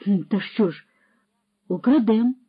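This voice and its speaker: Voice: mid-range voice, unhurried, slightly rough, phone-quality sound, pitched above the performer's own voice. A narrator doing a naive young lad. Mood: hesitant. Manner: hesitant, short questions. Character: naive young man joining thieves.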